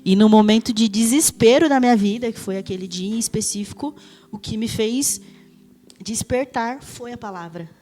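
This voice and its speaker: A woman's voice: fairly high pitch, moderate pace, dark tone. A young woman telling her personal faith testimony in a church, chatty and loose, full of fillers and restarts. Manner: conversational, many fillers and restarts, quotes others in dialogue. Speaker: church member giving testimony.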